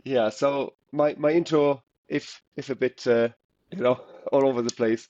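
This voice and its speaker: A man with a voice hoarse from a cold hosts a podcast conversationally, haltingly stumbling over some words. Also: mid-range voice, fairly even intonation, a little mellow. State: has a cold. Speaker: podcast host. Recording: muffled, roomy lo-fi sound.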